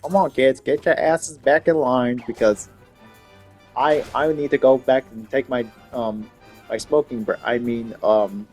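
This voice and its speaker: A man's voice: medium pitch, steady tone, measured pace, darkish tone, soft background music, natural voice. A man voicing a crude, grumpy teacher herding kids. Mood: bossy. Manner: bossy, crude.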